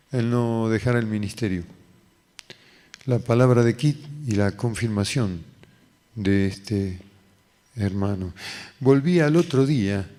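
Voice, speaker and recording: A man's voice: mid-range voice, mellow. A male pastor with an Argentine accent telling a personal testimony in a sermon, acting out the voices in his story. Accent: Argentine Spanish. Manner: storytelling, acting out dialogue with raised voice. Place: church hall. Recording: long hall reverb.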